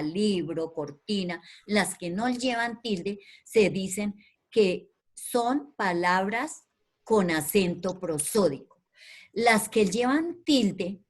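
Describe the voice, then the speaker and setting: Slow-talking woman teacher. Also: fairly low pitch. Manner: slow, repetitive, with many fillers. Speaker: primary school teacher. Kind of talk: online class explanation.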